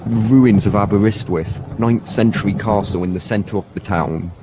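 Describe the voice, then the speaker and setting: Matter-of-fact military captain, acted by a man, lowish voice, clearly noisy background. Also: normal speed, close to an everyday voice. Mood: reporting. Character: matter-of-fact male army captain reporting. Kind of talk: audio drama acting.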